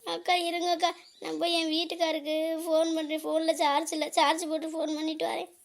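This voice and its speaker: A woman's voice: very high voice, monotone, brisk, vocal fry. A woman voicing an adult daughter in a cartoon comedy, wailing and accusing her relatives.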